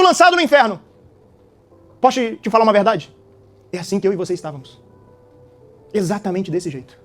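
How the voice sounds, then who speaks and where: Preacher guy, really high voice, fast and dramatic. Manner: animated, dramatic preaching with tag questions "hã?". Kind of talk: sermon.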